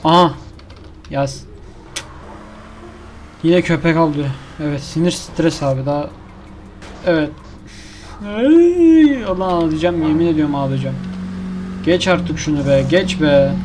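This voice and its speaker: A man's voice: a little high, steady tone, a little slow, pauses often, a little mellow, a little hiss or hum. A man giving casual commentary over his own gameplay, exasperated and complaining to himself as he keeps failing. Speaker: gaming YouTuber.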